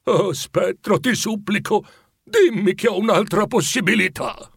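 A man voicing a remorseful old miser in a storybook reading, pleading in anguish with a raised pitch. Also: measured pace, creaky, slightly rough, no room sound, studio quality, exaggerated voice.

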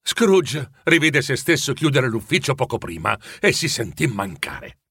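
A man reading a storybook aloud in a lively, expressive way. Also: medium pitch, unhurried, husky, no echo, studio quality. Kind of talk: storybook narration.

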